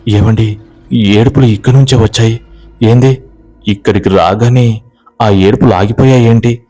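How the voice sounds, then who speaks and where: A man's voice: on the low side, steady tone, moderate pace, warm tone, natural voice. A man voicing a frightened young village wife, pleading and panicked in a horror story.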